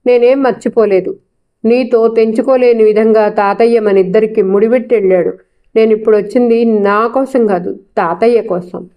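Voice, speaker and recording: A woman's voice: a little high, steady tone, normal speed, muffled recording, natural voice. A woman voicing a proud, stern young husband who speaks with clipped, restrained anger.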